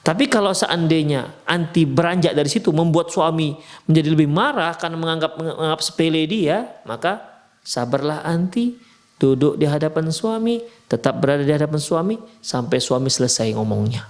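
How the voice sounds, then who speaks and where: A man with a Medan Indonesian accent giving an Islamic marriage lecture in a mosque, lively and conversational, briefly acting out husband and wife and explaining Arabic texts. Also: a little high, moderate pace.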